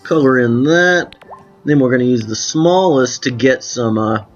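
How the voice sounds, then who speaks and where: A man's voice: medium pitch, animated, measured pace, muffled recording, soft background music. A man hosting a let's play of a drawing game, chatting casually with rambling, self-correcting asides to viewers while his voice cracks now and then. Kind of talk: casual gameplay commentary.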